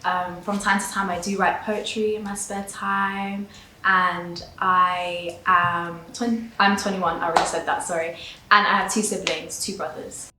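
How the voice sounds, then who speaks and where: A woman in her early twenties, a student, answering documentary interview questions in a measured, composed way. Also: fairly low pitch, flat delivery, pushed and bright. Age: early 20s. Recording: echoey room with faint noise.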